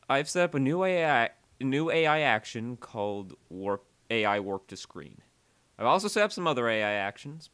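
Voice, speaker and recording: Here a man, the tutorial's creator and presenter, narrates a software walkthrough smoothly and conversationally. The voice sits bright and forward, pitch roaming widely, while his energy rises and falls as he explains each step and dwells on important words.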